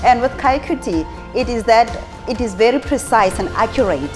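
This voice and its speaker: A woman, a lab supervisor, giving a grateful and slightly halting testimonial. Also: on the high side, animated. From South Africa. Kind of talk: interview testimonial. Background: background music.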